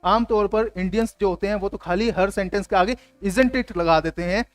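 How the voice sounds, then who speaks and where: A man's voice: sits high, moderate pace. A man teaching an English grammar lesson for his video channel, explaining emphatically and acting out example phrases.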